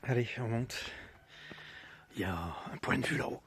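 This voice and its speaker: A man vlogging casually outdoors in the mountains, exclaiming at the scenery and sometimes talking softly in the early morning. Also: medium pitch, normal speed, very noisy. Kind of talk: casual vlog narration.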